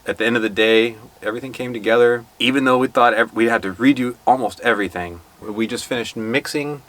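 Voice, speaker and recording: A man, a band guitarist, talking in a relaxed way with casual slang. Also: mid-range voice, a little fast. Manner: laid-back, uses casual slang. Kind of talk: casual interview chat.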